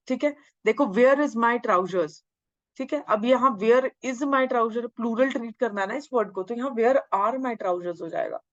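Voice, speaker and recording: Woman teacher, exam-prep grammar lecture, slow drawn-out lines, dry slightly dull sound. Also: a little high, no room sound. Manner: mixes Hindi and English, drawls English sentences slowly, asks and answers own questions. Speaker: English teacher.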